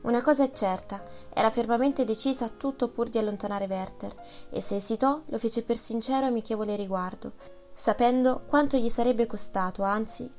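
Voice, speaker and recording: A woman narrating an audiobook in a measured, even reading style. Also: a little high. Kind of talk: scripted literary narration.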